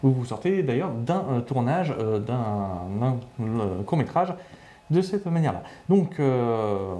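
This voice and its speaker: A man's voice: medium pitch, big pitch swings, unhurried, warm tone. A man co-hosting a casual film discussion, talking with frequent hesitations and restarts. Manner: hesitant, many fillers and restarts. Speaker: co-host.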